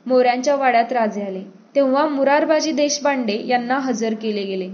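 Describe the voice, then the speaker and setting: A woman narrating an audiobook in an expressive storytelling manner. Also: fairly high pitch, fairly quick, dull audio.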